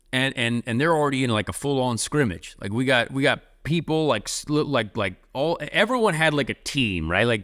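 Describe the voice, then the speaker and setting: Podcast host, man, bright forceful voice, rambling casual storyteller. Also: mid-range voice, clear, resonant tone. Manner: rambling, heavy use of "like".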